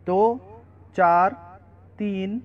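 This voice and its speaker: A high-voiced man reads quiz questions one by one, lists the options, and then announces the right answer. The recording sounds slightly dull and lo-fi, without much crispness at the top. His delivery is even and methodical, like a study-guide narration. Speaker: quiz presenter. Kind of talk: reading out multiple-choice quiz questions.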